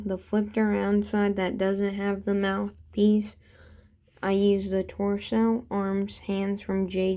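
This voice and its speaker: A woman hosting a toy-building channel, walking through her builds in a casual show-and-tell with relaxed, unsure asides. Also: medium pitch.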